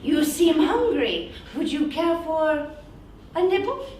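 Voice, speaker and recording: A woman's voice: high-pitched, very animated, takes it slowly, a little mellow, pitched above the performer's own voice, heavily acted. A woman voicing a coaxing, menacing female creature who lurks in shadows, on stage. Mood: coaxing, sinister. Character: Barbara, scaly hideous female creature luring from shadows. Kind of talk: improvised stage storytelling. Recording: echoey noisy theatre from far off.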